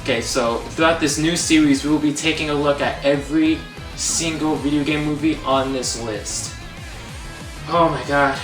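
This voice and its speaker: A young male host delivers a comedic movie review, sounding sarcastic and exasperated in a middling pitch. He comes across distant and echoey over clear guitar music, keeping a steady tone at normal speed.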